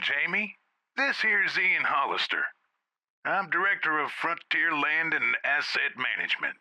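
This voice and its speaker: A man's voice: on the high side, bright, forceful tone, no echo, heavily acted. Drawling company boss on a landline voicemail, as a man puts him on. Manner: drawling, friendly, unhurried. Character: folksy male land-company director leaving a job offer. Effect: voicemail message heard over a landline phone.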